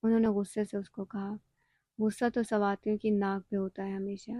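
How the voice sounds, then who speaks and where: A woman narrating a novel aloud in a steady, scripted reading. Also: mid-range voice, no room sound.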